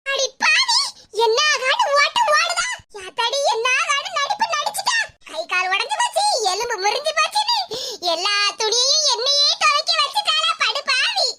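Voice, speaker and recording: A woman voicing a scheming, sharp-tongued old mother-in-law in a cartoon, scolding and mocking in a Tirunelveli Tamil accent. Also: very high voice, very animated, normal speed. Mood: outraged. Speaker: cartoon voice actor. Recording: loud background noise.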